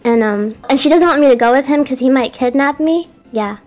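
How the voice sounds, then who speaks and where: A woman's voice: high voice, fairly quick, a little mellow, faint music behind. A young adult woman with a very youthful, girlish voice and a cute anime-streamer manner, casually telling confessional stories. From Colombia and the United States. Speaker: confession guest caller.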